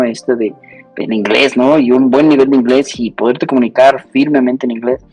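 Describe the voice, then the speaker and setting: A man's voice: medium pitch, darkish tone, rough recording. A man talking as an interview guest, hesitant and thoughtful, often closing his thoughts with a questioning tag. His mid-range voice carries over a faint bed of music. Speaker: cybersecurity analyst, guest. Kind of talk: casual conversational interview.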